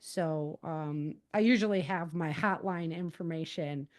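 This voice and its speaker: A low-pitched, slightly mellow female voice, a little slow, belongs to a middle-aged American podcast guest. She's an author and self-defense teacher answering interview questions in an earnest, emphatic, conversational and informal style.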